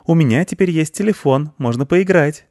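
A man voicing a bossy, energetic little girl in a storybook, speaking briskly and insistently. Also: a little high, no room sound, studio quality, voice pushed up. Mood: lively. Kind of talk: audiobook character voice.

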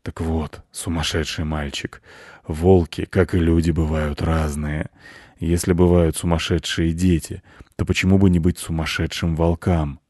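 A man's voice: low voice, little pitch movement, measured pace, darkish tone, no room sound, studio quality. A man voicing a gloomy, grumbling male wolf who speaks wearily in an audiobook. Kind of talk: audiobook character voice.

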